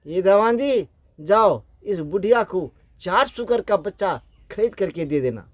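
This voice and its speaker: A man's voice: high voice, lively intonation, measured pace, no echo. A man voicing a foolish, bewildered king who weeps without knowing why, in a spoken folk story. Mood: commanding. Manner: lamenting, bewildered.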